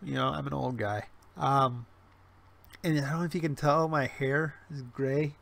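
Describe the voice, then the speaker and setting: This livestream host, a man in his 40s, reads chat aloud in a gravelly, fairly bright mid-range voice with fairly even intonation and a measured pace. His casual talk is full of restarts and fillers, laced with wry humor at his own expense, picked up by a webcam mic.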